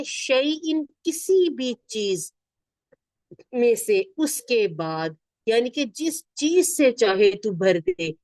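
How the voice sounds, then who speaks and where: A woman teaching Quranic vocabulary word by word. She is patient, repeats each term slowly and keeps checking that her students follow. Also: on the high side, dry recording. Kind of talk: word-by-word Arabic vocabulary lesson.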